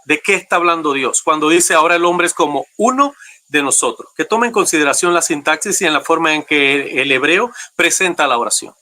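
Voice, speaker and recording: Man from Panama, pastor, courteous formal debate speech, bright, somewhat high voice. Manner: courteous, measured, emphatic when questioning.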